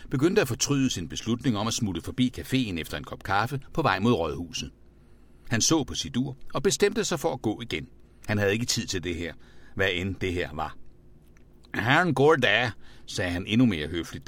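Lively low-voiced male storyteller. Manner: expressive, playful reading. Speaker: narrator. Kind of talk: storybook reading.

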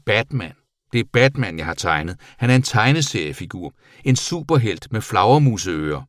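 A man's voice: on the low side, big pitch swings, a bit bright, no room sound, clean studio sound, recorded from a distance. A man voicing a kind, anxious young boy in an eager, worried voice. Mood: explaining.

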